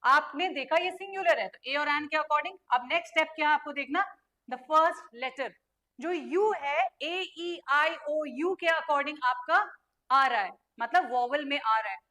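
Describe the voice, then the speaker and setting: Bright, high-voiced woman teaching grammar. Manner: asks students questions and answers them herself; spells letters out slowly. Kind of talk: online grammar lesson.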